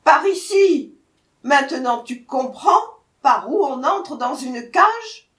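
A woman voicing a fierce, impatient male tiger in a storybook tale, loud, growling and bossy. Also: mid-range voice, very animated, slow. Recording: echoey room, voice from far off.

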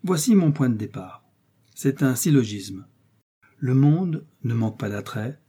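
A man's voice: mid-range voice, expressive, unhurried, dark tone. A man voicing a vain, devout young musketeer who speaks politely and modestly. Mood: earnest. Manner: polite, smooth and modest-sounding.

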